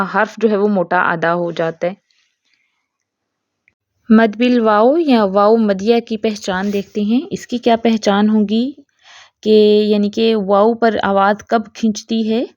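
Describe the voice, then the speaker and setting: A woman's voice: medium pitch, a little mellow, no room sound, muffled recording. Woman teacher explaining pronunciation rules. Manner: explains step by step, keeps checking with "theek hai"; stretches out recited example words slowly. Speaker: Quran recitation teacher. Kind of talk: online tajweed lesson.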